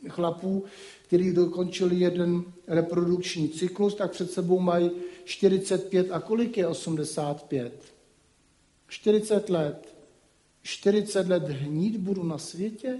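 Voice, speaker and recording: A man's voice: high voice, mellow. A man giving a casual spoken lecture, talking colloquially with frequent rhetorical asides. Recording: roomy echo.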